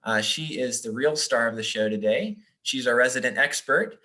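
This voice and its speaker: Young male webinar host, bright and forceful tone, friendly, filler-heavy delivery. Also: mid-range voice, moderate pace. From Japan. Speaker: webinar host, donor relations officer. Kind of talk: hosting a webinar.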